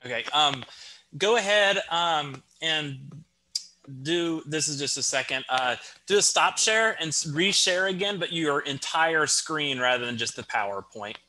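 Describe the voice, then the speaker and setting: A man's voice: on the high side, lively intonation, unhurried, pushed and bright, low-quality recording. A man in his thirties hosting a webinar on a video call, friendly and helpful, with some ums. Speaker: webinar host. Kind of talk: casual video-call moderation.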